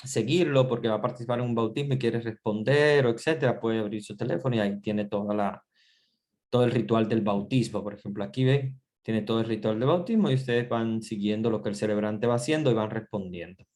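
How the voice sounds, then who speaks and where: A middle-aged man, a priest, giving an online Bible class in a relaxed, conversational way, with many fillers and restarts. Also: lowish voice, brisk. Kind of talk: online class lecture with screen sharing.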